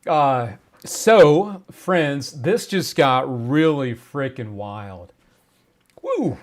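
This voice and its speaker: Hosting a giveaway live stream, this man speaks in a mid-range voice, keeping things relaxed while repeatedly laughing and reacting with astonishment.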